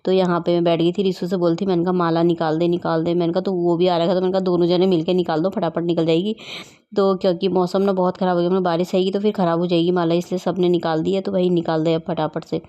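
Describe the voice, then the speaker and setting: A woman's voice: on the low side, flat delivery, fast, few pauses, dark tone, highs cut off. A middle-aged woman narrating her daily routine in a casual vlog voice-over, chatty and rambling with many fillers and restarts. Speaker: vlogger.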